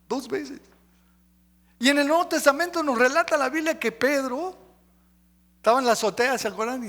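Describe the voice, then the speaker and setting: A man's voice: high voice, fairly bright tone, in a large hall. A male pastor preaching emphatically, running through lists and questioning the congregation. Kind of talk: sermon. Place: church sanctuary.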